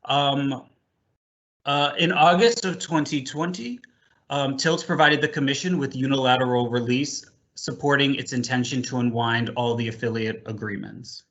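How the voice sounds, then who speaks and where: A man's voice: medium pitch, normal speed, fairly bright tone, highs cut off. A man formally reading a report to a commission over a video call, his audio choppy and breaking up. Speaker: staff member presenting a report to a commission.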